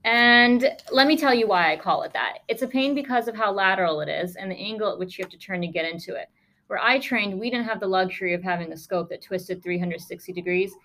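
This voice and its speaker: A woman's voice: medium pitch, fast talker, a bit bright. A woman podcast host, a lung doctor, telling a case story in a conversational, emphatic way with sarcastic asides.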